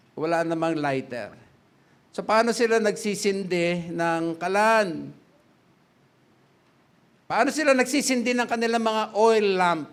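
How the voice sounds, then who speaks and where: A middle-aged male pastor from the Philippines gives a sermon in a notably high voice. He speaks slowly and deliberately, chats and laughs along the way, and keeps turning to the congregation with questions, mixing English into his talk. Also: a bit bright, clean tone. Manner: chatty, laughs often, quizzes the congregation, mixes English in.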